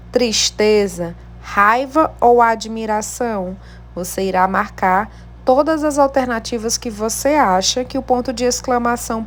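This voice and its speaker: A woman teacher, giving a remote lesson to young pupils in a slow, clear, encouraging way. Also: a little high. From Brazil. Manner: slow, clear, encouraging teacher delivery addressing children at home. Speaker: primary school teacher. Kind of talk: remote class lesson reading a textbook.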